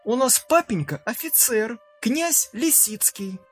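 Two cheerful, trusting little girls of about ten chatter in a very high voice, as a male narrator puts them on. They sound open and excited. They are part of a spoken storybook. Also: takes it slowly, breathy edge, soft background music, heavily acted. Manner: high, bright childlike chatter.

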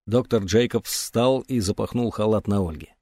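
A man narrating a novel in an expressive reading voice. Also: fairly low pitch, normal speed, no echo. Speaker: audiobook narrator. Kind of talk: scripted narration.

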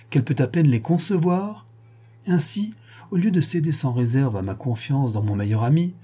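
Brief: idealistic young son, read by a man, impassioned, mellow tone. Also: on the high side, breathy edge, voice pushed up. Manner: impassioned, earnest.

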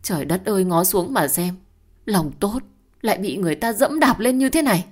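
A woman voicing a scheming young woman who wails and complains in a shrill, melodramatic way. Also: moderate pace, lightly acted. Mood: wailing. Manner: wailing, shrill crying complaints.

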